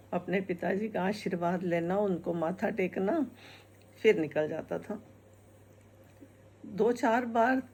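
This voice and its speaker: A woman's voice: medium pitch, darkish tone, husky. A woman telling a folk tale in a casual, chatty way, often repeating her phrases. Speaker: storyteller.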